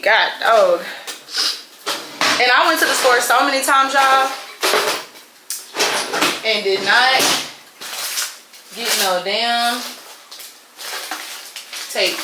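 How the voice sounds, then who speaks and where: A woman's voice: medium pitch, noisy background. A woman in her thirties chatting casually at home in a vlog, candid and slangy, swearing freely. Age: 30s. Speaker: vlogger mom. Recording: echoey room with background music. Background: music.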